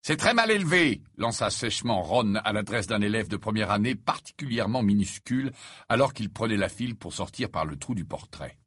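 A man reading a novel aloud as an audiobook narrator, expressive and dramatic. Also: fairly quick, breathy edge, no room sound, studio quality. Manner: expressive reading with wide swings of pitch. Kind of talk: scripted narration.

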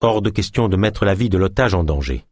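A man narrating a thriller novel as an audiobook in a steady, measured reading. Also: low voice, no echo, clean studio sound.

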